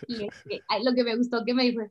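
A middle-aged Mexican woman, a singer, chatting warmly and emotionally in an interview. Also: a little high, flat delivery, brisk. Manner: warm, chatty, emotional storytelling. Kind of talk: casual interview chat. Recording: slightly dull lo-fi sound.

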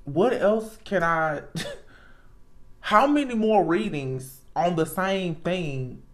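A tarot reader speaks in a casual, reflective way at a middling pitch. The delivery is earnest and emphatic, with halting phrases and repeated words as thoughts get worked out aloud. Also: lively intonation, a bit bright. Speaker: tarot reader, channel host.

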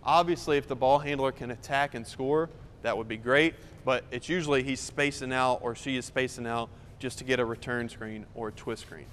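A man's voice: mid-range voice, moderate pace, fairly bright tone. Young male coach in an echoey gym. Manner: loose and conversational, walking through moves while explaining. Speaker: basketball coach. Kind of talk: casual on-court demonstration. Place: large indoor gym. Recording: echoey gym with long reverb, faint noise.

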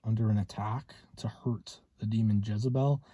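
Dark-voiced, halting young man. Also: lowish voice, fairly even intonation, husky, no room sound. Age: 20s. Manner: hesitant, halting with long pauses. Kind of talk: casual vlog monologue. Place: inside a parked car.

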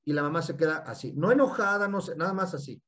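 Animated Mexican man explaining. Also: a little high, fast talker. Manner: animated, repeats "y entonces". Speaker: guest speaker. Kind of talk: casual explanatory talk.

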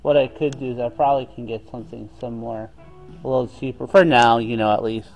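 A man's voice: medium pitch, fairly even intonation, fast talker, creaky, darkish tone, low-quality recording. A man filming himself while shopping for a hat in a big western wear store, asking rambling, hesitant questions in casual chat. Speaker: vlogger shopping as customer. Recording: store music faintly behind.

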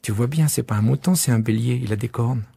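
A man voicing a gentle, curious little boy prince in a storybook reading, softly and often half-whispered. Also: mid-range voice, fast, vocal fry, slightly rough, no room sound, pitched above the performer's own voice. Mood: pleading.

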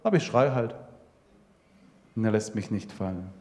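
A man's voice: fairly low pitch, animated, moderate pace. Man preaching in a reverberant hall. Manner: emotional storytelling, drops to a soft hush. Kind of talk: sermon testimony. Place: church hall.

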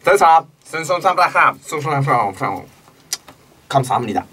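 Bright young man in mock foreign gibberish. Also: fairly high pitch, animated, quick pace, breathy edge, recorded from a distance. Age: young adult. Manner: exaggerated imitation of foreign speech in a comedy contest.

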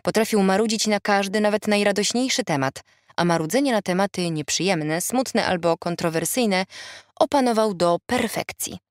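A woman narrating an audiobook in a wry, measured storytelling manner. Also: medium pitch, no echo, studio quality. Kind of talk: scripted narration.

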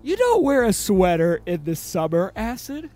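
Lively, higher-voiced man streaming a game. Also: moderate pace, faint music behind. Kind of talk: casual live let's play commentary. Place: small room indoors. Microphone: close microphone on a stand.

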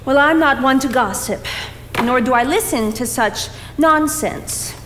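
A woman's voice: high voice, a little slow, fairly bright tone. A young woman playing a prim, indignant, gossipy small-town busybody in a stage play. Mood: prying, indignant. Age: young adult. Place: indoor theatre stage. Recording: echoey theatre stage, noisy, distant mic.

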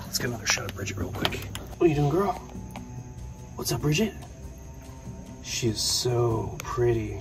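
Young man vlogging enthusiastically over music. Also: mid-range voice. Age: young adult. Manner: chatty and enthusiastic, slipping into playful pet talk with animals. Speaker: reptile keeper and vlogger. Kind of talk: casual handheld vlog narration to viewers. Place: outdoor enclosures at night, then a large metal-walled building. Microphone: handheld phone at arm's length.

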